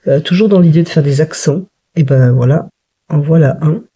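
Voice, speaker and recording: A woman's voice: sits low, moderate pace, mellow, husky. A woman talking through a watercolour palette test in a chatty, hesitant way, thinking aloud with frequent fillers. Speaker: watercolour painter testing a palette. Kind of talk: casual tutorial narration.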